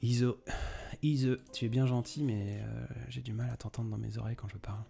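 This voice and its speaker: A man's voice: mid-range voice, fairly even intonation, a little fast, creaky, music in the background. A young man hosting a live stream, chatting casually and rambling as he answers viewers by name. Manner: rambling, improvised, talks straight to viewers by name. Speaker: poet and live-stream host.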